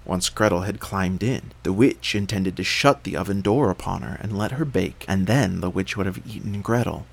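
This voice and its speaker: A man reading a fairy tale aloud as a father, in a measured, steady storytelling voice. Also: low voice, gravelly, slightly rough.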